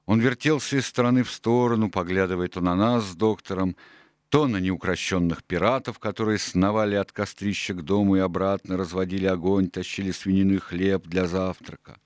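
A man narrating a classic adventure novel in the first person, in a measured, even storytelling manner. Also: sits low, dry recording, studio quality. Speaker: audiobook narrator.

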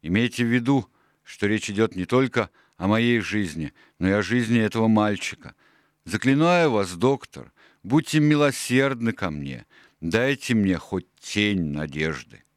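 A man's voice: on the low side, unhurried, no echo, clean studio sound, natural voice. A man voicing a cunning middle-aged pirate cook who pleads and presses urgently, in an audiobook. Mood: pleading. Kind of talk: audiobook character voice.

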